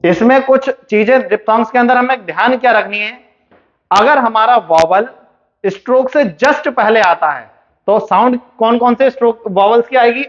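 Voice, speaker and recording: A man with a fairly high voice is teaching a shorthand lesson. He explains each step, then poses a question and answers it himself. The recording sounds dull and muffled. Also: fairly bright tone. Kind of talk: classroom lesson.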